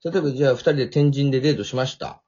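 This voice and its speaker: A man hosting a radio show, talking in a playful, excitable, teasing way. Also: medium pitch, racing, husky, muffled recording. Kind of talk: casual radio banter.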